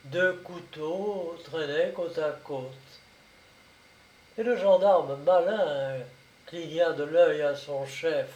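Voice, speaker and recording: A man narrating a classic short story aloud in a measured, expressive reading. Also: fairly high pitch, far from the mic, dull audio. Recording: echoey room, voice set back from mic.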